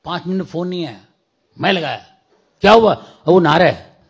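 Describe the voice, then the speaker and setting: On a lo-fi recording with slight background noise, a man with a high voice gives a sermon testimony in church at a moderate pace. He mixes English phrases into a story full of acted-out dialogue and sometimes bursts into shouting prayer.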